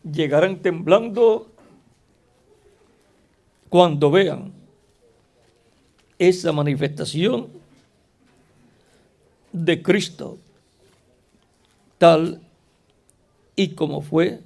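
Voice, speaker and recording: A man preaching a sermon slowly and deliberately, asking the congregation rhetorical questions. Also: a little high, gravelly, a little mellow.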